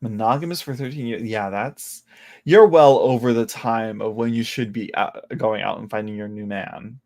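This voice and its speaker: A man's voice: on the low side, moderate pace, darkish tone. A man in his late twenties, a tarot reader chatting casually on a live stream, rambling and joking at himself with many restarts. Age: late 20s.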